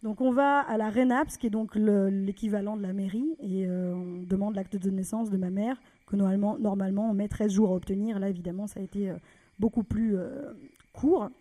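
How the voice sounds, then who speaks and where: A French woman telling a personal story in a lively, conversational way, often acting out the people she quotes. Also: medium pitch, a little fast. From France.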